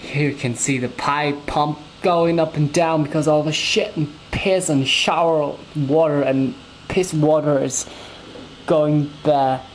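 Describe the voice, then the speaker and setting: A young woman films a laid-back cooking vlog on a handheld camera in her small home kitchen, rambling and talking to her pet bird as she prepares lunch. She speaks slowly in a low, steady voice, and the camera audio is noisy.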